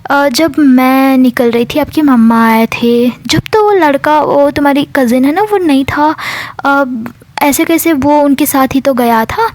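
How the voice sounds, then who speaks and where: A woman's voice: high voice, measured pace, darkish tone, dry recording. Woman voicing curious, probing schoolgirl. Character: curious schoolgirl Kavi, questioning.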